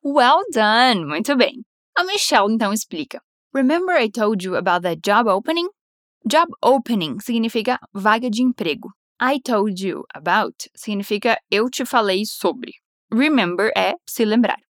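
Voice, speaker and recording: A Brazilian woman teaching English phrases to Portuguese speakers, repeating lines slowly and then explaining them quickly and encouragingly. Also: on the high side, animated, a bit bright, dry recording, studio quality.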